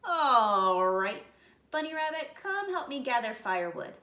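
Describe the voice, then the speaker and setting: A scruffy storybook varmint, acted out by a woman, gruff and ill-tempered, snarls and barks out orders. The voice sits in an echoey room. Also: fairly high pitch, sing-song, a little slow, pushed and bright, pitched above the performer's own voice, full character voice. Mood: gruff, grudging.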